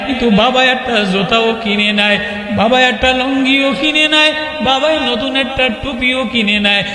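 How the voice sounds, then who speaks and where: A Bangladeshi man delivers an emotional sermon in a piercingly high voice, pleading and half-singing as he stretches out his phrase endings. His sharp, forceful sound rings through a long hall reverb. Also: normal speed. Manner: pleading, impassioned. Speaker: Islamic preacher. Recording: echoey hall with long reverb, music behind.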